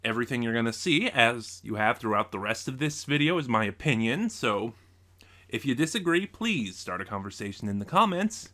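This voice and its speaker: Very animated and pushed, his bright mid-range voice moves at a moderate pace. He's a man hosting a casual review video, giving his opinions conversationally right to the audience.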